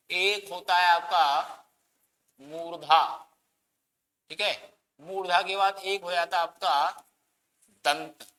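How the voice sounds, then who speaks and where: A man's voice: high voice, pushed and bright, in a large hall. A man teaching a grammar lesson, asking the class questions and answering them himself, and coaxing students to say sounds aloud.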